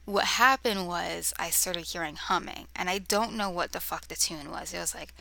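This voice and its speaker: A woman's voice: fairly low pitch, normal speed, vocal fry, pushed and bright, a little hiss or hum. A young woman vlogger telling spooky stories to a cheap camera mic at home, rambling with many fillers and often dropping to a whisper. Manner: easily distracted, talks to her cat. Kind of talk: casual storytelling to camera. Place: bedroom near a road, windows open.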